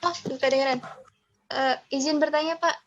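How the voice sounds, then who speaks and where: High hesitant Indonesian student, dull call audio. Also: female voice, fairly even intonation, normal speed, a little hiss or hum. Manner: polite, hesitant, many fillers. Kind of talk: asking questions in an online class.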